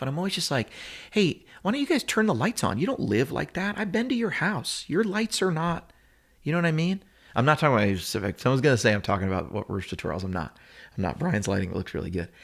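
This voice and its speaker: A man in his thirties hosting a guitar gear channel, rambling and opinionated in a casual monologue full of fillers and restarts. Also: mid-range voice. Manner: animated, opinionated, with frequent fillers and self-corrections. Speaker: guitar gear video host.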